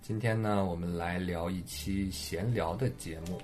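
Low-voiced man hosting a podcast chat. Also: steady tone, normal speed, darkish tone, soft background music. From China. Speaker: podcast host.

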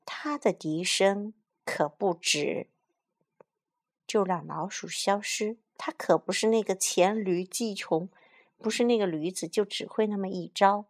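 A woman reading a picture book aloud to children, with lively asides to her young listeners. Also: medium pitch. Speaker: storyteller.

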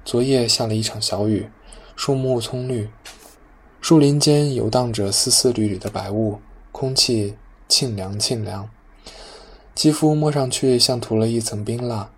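A man narrating a novel as an audiobook, calm and even. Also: medium pitch, a little slow, husky.

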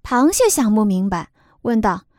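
A woman narrating a children's animal story in a lively, expressive way. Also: medium pitch, unhurried, dry recording, studio quality.

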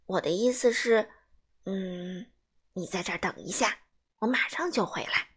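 A woman voicing a kind, wise old grandmother in a storybook reading, with a lower, gentle and patient voice. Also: measured pace, slightly rough.

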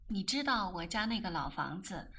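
A woman doing a calm, sighing grown man. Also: creaky, slightly rough, full character voice. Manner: low-key and measured, sighing. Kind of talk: audiobook character voice.

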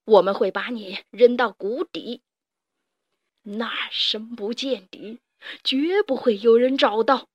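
A woman's voice: sits high, animated, a little slow, no echo, muffled recording, heavily acted. A woman voicing a boastful, bullying old male field-mouse gang boss in a storybook reading. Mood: menacing. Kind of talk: storybook character voice.

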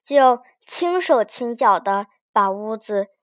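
A woman narrating a children's story gently and expressively, with soft erhua endings. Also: on the high side, expressive, takes it slowly, dry recording, clean studio sound.

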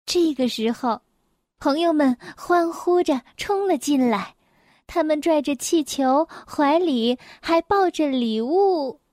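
A woman reads a children's picture book aloud in a gentle, clear, expressive way. Her voice sits high and light. The sound is dry and close. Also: slow pace, no room sound. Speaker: storyteller.

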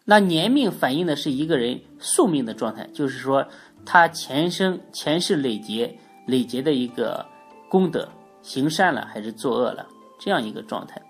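A woman's voice: extremely low pitch, lively intonation, moderate pace, soft background music. A woman with a stuffy, congested nose from a cold gives an explanatory spoken lesson as the host, phrasing her points emphatically. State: has a cold. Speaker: teacher of Chinese astrology, hosting an audio programme.

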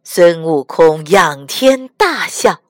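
A mother reading a storybook aloud with expressive storytelling. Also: fairly low pitch, slow, no echo, clean studio sound.

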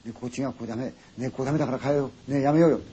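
Brief: hushed, pleading young woman in tears, voiced by a male storyteller, mellow and low-key. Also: expressive, fast talker, muffled recording, slight background noise, natural voice. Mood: scared pleading. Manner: hushed, pleading, repeating herself.

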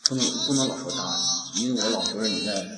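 Young man, teasing student host, casual chat, reverberant classroom, loud music underneath. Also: on the low side, quick pace. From Guanzhong, Shaanxi, China. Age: young adult. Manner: teasing, joking. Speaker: host of a student audio show. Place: small empty classroom, indoors. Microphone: basic recording equipment. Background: loud background music.

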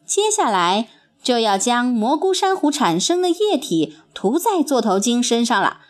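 A woman narrating a children's story in an expressive, sing-song storytelling manner. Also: on the high side, measured pace.

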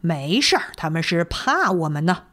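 A woman voicing a gruff male bandit in a storybook reading, low and bossy. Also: big pitch swings, moderate pace, fairly bright tone.

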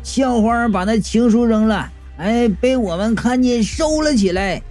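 A man reading a comic audio novel aloud, lively and jokey with quick asides. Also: high-pitched, faint music behind. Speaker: storyteller.

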